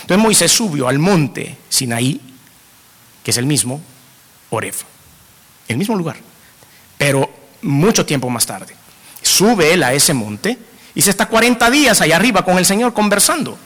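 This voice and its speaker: A man's voice: a little high, very animated, moderate pace, long pauses, fairly bright tone, in a large hall. A man preaching a sermon in a conversational way, often asking the congregation questions.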